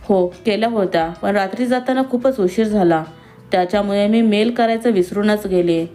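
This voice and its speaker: A woman voicing a timid young female employee who speaks softly and nervously, with faint music behind. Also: mid-range voice, normal speed, lightly acted. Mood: worried. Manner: soft-spoken, nervous, innocent.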